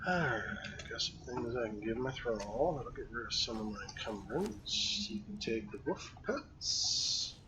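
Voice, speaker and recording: A man's voice: medium pitch, expressive, unhurried, background noise. A man playing a video game on a live stream, chatting casually and joking as he explores. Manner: playful, joking. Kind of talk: casual gameplay chat.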